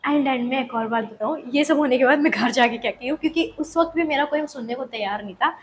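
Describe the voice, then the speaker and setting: A young woman telling a personal story in a casual, animated way, often slipping English words and phrases into her talk. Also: sits high, fairly quick, slight background noise, low-quality recording. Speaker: vlogger.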